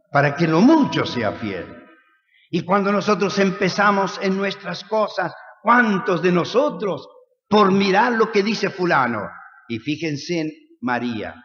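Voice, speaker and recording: Impassioned Argentine preacher in an echoey hall. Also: male voice, a little high. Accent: Argentine Spanish. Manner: impassioned, rhetorical questions, sudden swings between soft and loud. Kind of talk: sermon. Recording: echoey hall, dull lo-fi sound.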